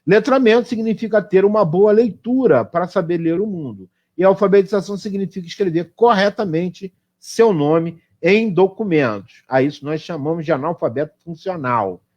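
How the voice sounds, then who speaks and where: A man's voice: high voice, normal speed, hardly any pauses, darkish tone, dull audio. A man with a Brazilian Portuguese accent teaching an online exam-prep lesson, explaining answers and asking himself questions that he then answers.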